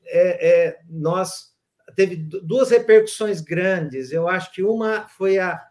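A Brazilian podcast host with a high voice tells stories slowly in a relaxed, conversational way. He's an animated storyteller who often restarts his sentences, and he speaks with a Brazilian Portuguese accent.

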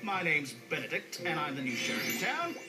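An actor playing a scheming, grandiose little cartoon villain, theatrical and mock-polite, heard from a television. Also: male voice, on the high side, wildly swooping pitch, brisk. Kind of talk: animated cartoon acting. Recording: played from a television, re-recorded. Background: cartoon music.

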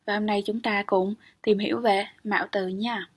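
Breathy woman teaching grammar. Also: medium pitch, little pitch movement, normal speed. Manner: explains step by step, often checks with "ok?". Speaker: English teacher. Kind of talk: exam-prep grammar lecture.

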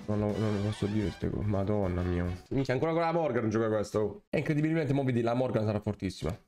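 A young man, giving excitable, swearing live commentary on his own gameplay and shouting at the game. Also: lowish voice, quick pace, music in the background. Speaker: gaming content creator.

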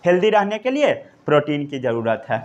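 A man's voice: a little high, sing-song, brisk, lo-fi sound. A man with an Indian accent teaching a science lesson, repeating each point, quizzing the class and dictating notes. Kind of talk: classroom lecture.

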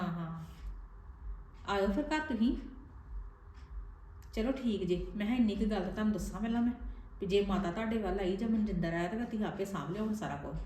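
A woman's voice: medium pitch, mellow. A woman with a Punjabi accent in a scripted family drama, chatty on the phone, aggrieved and defensive. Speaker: wife in a family web drama. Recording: echoey room with faint background noise.

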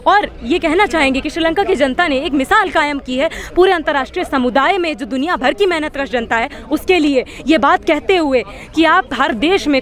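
A young woman activist gives an impassioned interview at an outdoor street protest, speaking into several press mics with rhetorical force and frequent restarts. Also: sits high. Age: young adult. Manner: fiery, rhetorical, many fillers and restarts. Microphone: several handheld press mics held close.

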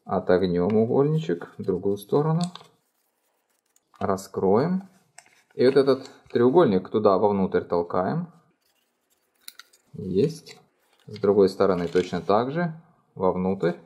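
A middle-aged man with a fairly low voice talks through an origami tutorial step by step. His delivery is calm and plain, explaining each fold as he works at an indoor table. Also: slow pace, pauses often. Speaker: origami instructor. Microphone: overhead camera framing hands only.

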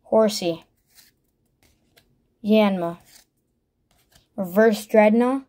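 Slow-talking woman calling out cards. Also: medium pitch, dark tone. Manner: calls out each card by name in short bursts, thinking aloud. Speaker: vlogger opening trading card packs. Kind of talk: casual unboxing commentary.

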